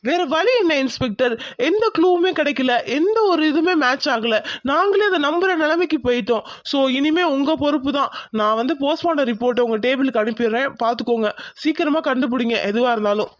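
A performer voicing a worried, puzzled male doctor in a cartoon, explaining slowly and uneasily. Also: sits high, dry recording, studio quality, natural voice. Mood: uneasy. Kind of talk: cartoon voice acting.

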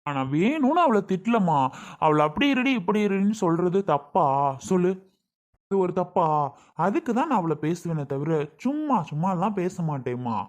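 A man's voice: high-pitched, big pitch swings, moderate pace. A man playing a young husband and father who talks insistently and repeats himself. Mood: defensive. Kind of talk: family skit acting.

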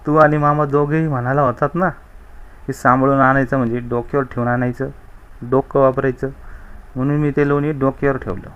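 A man's voice: medium pitch, little pitch movement, fairly quick, smooth, lightly acted. Simple earnest young guy, narrator doing him, eager to please, muffled lo-fi. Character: naive, well-meaning young man Balu.

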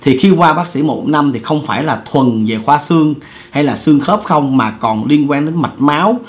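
A man's voice: fairly high pitch, expressive, moderate pace. A man, hosting and casually telling a ghost story in a conversational, repetitive way that speaks directly to the listeners. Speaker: storyteller host.

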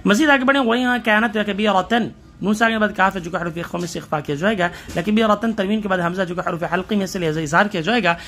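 A man's voice: sits high, hardly any pauses, a bit bright, soft background music. A man from Pakistan teaching tajweed, reciting verses and explaining each letter rule step by step, stopping now and then to correct himself.

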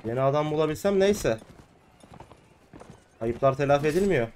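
A hoarse man who is ill, commenting on his own gameplay and often breaking into cursing rants at the game. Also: on the high side, animated, normal speed, darkish tone, a little hiss or hum. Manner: ranting and cursing at the game, frequent outbursts. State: hoarse from illness. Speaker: gaming video host. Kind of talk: let's play commentary.

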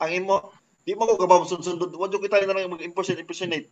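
A man's voice: high-pitched, steady tone, fast talker. A young man co-hosting a casual vlog, teasing and laughing with his friend. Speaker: co-host. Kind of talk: joking casual chat with friends. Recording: dull lo-fi sound with faint noise.

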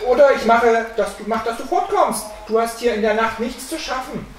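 A woman's voice: mid-range voice, sing-song, normal speed, a little hiss or hum, pitched above the performer's own voice, close to an everyday voice. A woman reading aloud plays a naive, fearless boy from a storybook who pleads earnestly and eagerly. His voice swings up and down a lot. It sounds like it was recorded from a distance in a very echoey room. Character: simple fearless boy, young son.

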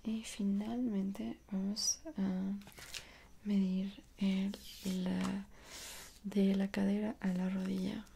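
A young woman with a Mexican accent in an ASMR role-play as a dressmaker, speaking softly and attentively straight to the listener. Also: medium pitch, flat delivery, creaky, a little hiss or hum. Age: young adult. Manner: soft, unhurried, attentive, speaking directly to the listener. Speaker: ASMR performer playing a dressmaker. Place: small indoor room at home.

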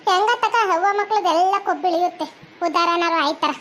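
A lonely village wife, played by a woman in a comedy skit, lamenting in a very high voice. She has a North Karnataka Kannada accent, with faint background noise. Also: a little fast, a bit bright. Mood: indignant. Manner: mournful, lamenting. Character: lonely village wife pining for her husband.

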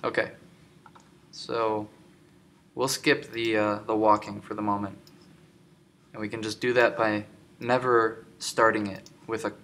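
A man giving a screen-recorded software tutorial, explaining step by step with many filler ums. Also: on the low side, flat delivery, unhurried, long pauses, slight background noise. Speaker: tutorial instructor.

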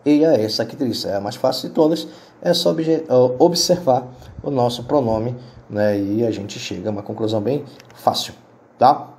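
A man's voice: medium pitch, moderate pace, a little mellow. Man, Spanish teacher, explanatory recorded lesson, frequent tag questions.

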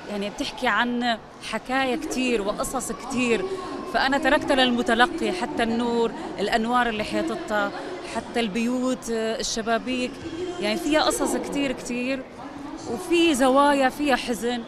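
A woman talks about her own artwork into a handheld microphone. She hesitates often and restarts her sentences. Crowd chatter fills the busy exhibition hall behind her. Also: on the high side. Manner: hesitant, many fillers and restarts. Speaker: visual artist. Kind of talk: interview about her painting. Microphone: handheld interviewer mic.

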